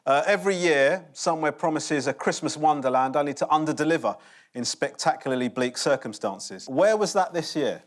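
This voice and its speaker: Brief: male TV panel host, lively up-and-down delivery, dry jokes, slightly high voice. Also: brisk. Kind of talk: comedic panel show hosting. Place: TV studio with audience.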